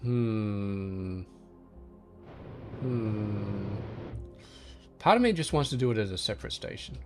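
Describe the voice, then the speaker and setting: A man giving relaxed gameplay commentary, thinking aloud as he plans and talks to things in the game, with soft music behind him. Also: on the low side, takes it slowly. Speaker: gaming channel host.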